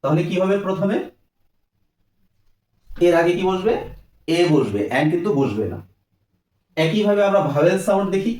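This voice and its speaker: A man's voice: sits high, big pitch swings, moderate pace, long pauses, a little mellow, echoey room, far from the mic. A man teaching a grammar lesson, asking questions and answering them himself.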